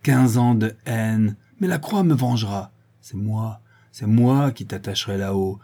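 Man reading as a vengeful older woman in an audiobook: hoarse, clipped, quiet menace, husky low timbre. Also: unhurried. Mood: hissing hatred.

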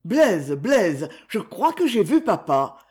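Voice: mid-range voice, very animated, slow, darkish tone. A reader voicing a sick, remorseful young boy in an audiobook, anxious and pleading. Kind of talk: audiobook character reading.

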